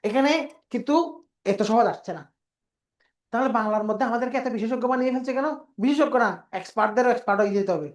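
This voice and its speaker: A woman's voice: fairly high pitch, fast. A woman teaching an exam prep class in a patient lecture style, repeating key words and asking questions that she answers herself.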